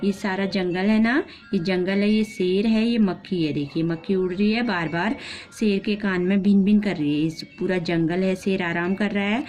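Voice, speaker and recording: A woman's voice: medium pitch, steady tone, moderate pace, darkish tone, faint music behind. A woman teacher explaining a storybook lesson to young children, repeating lines, asking the class questions and mixing English classroom phrases into her Hindi. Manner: acts out the lion's roars and the fly's retorts as she reads. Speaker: primary school teacher.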